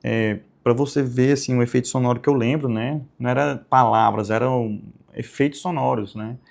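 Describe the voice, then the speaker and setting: A young man telling a personal religious testimony, soft-spoken and rambling, often tagging his sentences with little questions. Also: medium pitch, steady tone, normal speed, gravelly. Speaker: channel host giving testimony.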